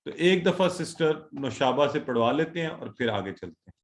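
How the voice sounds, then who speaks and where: A man's voice: fairly high pitch, expressive, normal speed, reverberant. A male teacher leading an online class, patiently drilling word forms and calling on students one by one. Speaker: Quran Arabic teacher.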